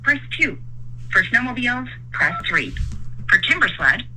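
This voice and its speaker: A recorded automated phone menu voice reading polite scripted options in an even, measured way. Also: medium pitch, slight background noise, low-quality recording. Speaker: automated phone system greeting.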